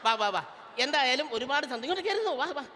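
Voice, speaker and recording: Very fast and expressive, a man uses an exaggerated, extremely high voice to play a teasing, brash middle-aged auntie running the show as stage comedian and emcee. He loudly bosses people, pulls them up to the stage, and jokes with the audience. A little hiss or hum sits under the reverberant convention hall PA.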